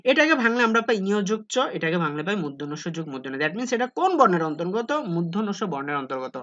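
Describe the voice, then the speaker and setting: A woman's voice: medium pitch, a bit bright, lo-fi sound. A woman tutor explaining exam answers step by step, asking and answering her own questions. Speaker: Bangla tutor. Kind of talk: exam-prep lesson.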